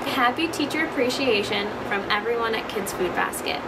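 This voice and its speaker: A young woman reading a picture book aloud for young children, deliberately, with drawn-out phrases. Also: on the high side, low-quality recording. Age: young adult. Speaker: communications manager reading aloud as host. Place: indoor office room with couch. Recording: steady background room noise.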